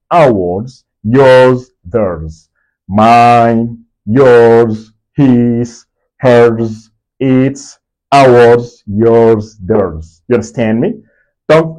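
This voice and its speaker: Male teacher, husky voice, lively intonation, slow drilled repetition, video lesson. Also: medium pitch, poor audio. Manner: slow drilled repetition, frequent check-ins. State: sweaty, just came from the sports field. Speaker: English teacher. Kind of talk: video lesson, explaining in French with English examples.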